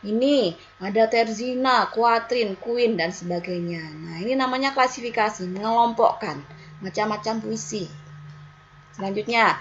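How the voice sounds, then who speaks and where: A woman's voice: on the high side, moderate pace, lo-fi sound, a little hiss or hum. A woman teaching a school language lesson, explaining to her students and asking them questions as she goes. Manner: lively, with rising questions and repeated "ya".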